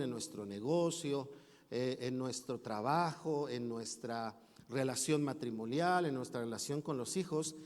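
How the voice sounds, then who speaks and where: A man's voice: medium pitch, a little mellow. A male pastor preaching a sermon, telling a story with acted voices and asides to the congregation. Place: church sanctuary. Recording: long church hall reverb.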